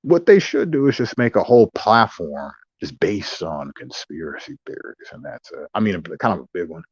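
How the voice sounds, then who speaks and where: A man's voice: deep voice, big pitch swings, normal speed, husky, no echo. A man talking in a rambling casual monologue, drifting between asides and mocking quoted voices. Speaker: vlogger. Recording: dry, dull lo-fi sound.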